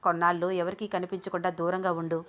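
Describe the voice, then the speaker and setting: A woman's voice: fairly low pitch, flat delivery, fast, fairly bright tone, close to an everyday voice. A woman voicing Shweta, a scheming young woman who talks smugly about her plan. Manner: smug, gloating.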